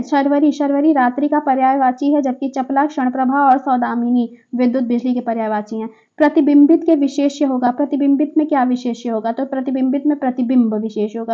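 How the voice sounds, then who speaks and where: A woman with a high voice works through an exam paper like a teacher, explaining each answer step by step. She keeps checking in with the listener as she moves along. The recording is dull and lo-fi. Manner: explains step by step, often adds "ठीक है".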